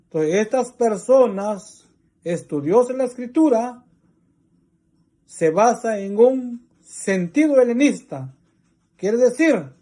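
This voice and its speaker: A man with a Mexican Spanish accent, preaching a religious teaching in slow, deliberate, repetitive phrases. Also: high-pitched, mellow.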